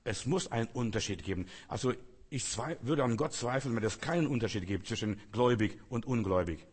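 A man's voice: medium pitch, fairly quick, breathy edge. A man preaching a sermon, speaking emphatically with repeated phrases and rhetorical questions addressed straight to his listeners.

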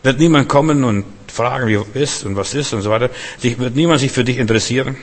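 A man preaching a sermon, swinging between loud proclamations and quiet, conversational asides. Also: mid-range voice, fast talker. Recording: long hall reverb.

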